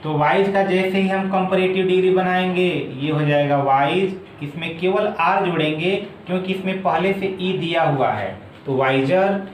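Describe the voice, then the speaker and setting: A man walks through grammar rules slowly, repeating each word form as he goes. His voice sits high for a man. The room is echoey, with a faint hiss of background noise. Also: fairly even intonation. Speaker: English teacher. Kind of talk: explaining grammar in a video lesson.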